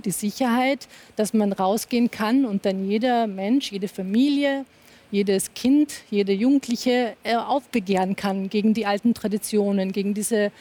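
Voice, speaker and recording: A woman's voice: mid-range voice, dark tone. A woman from Afghanistan, arguing insistently and passionately as a guest in a heated televised panel debate. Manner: insistent, impassioned, talks over interruptions.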